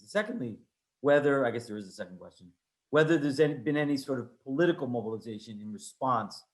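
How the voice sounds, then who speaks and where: A man putting a question to an online panel, careful and restarting his phrases. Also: mid-range voice. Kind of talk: webinar panel discussion.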